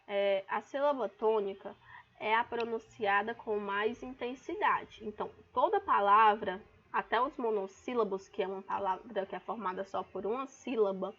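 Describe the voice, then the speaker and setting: This woman teacher, Brazilian Portuguese accent and all, has a medium-pitched, fairly bright voice with a slight roughness, and she keeps a normal speed. She patiently walks her online class through words, calling each out to stress its syllables. The audio is lo-fi and dull.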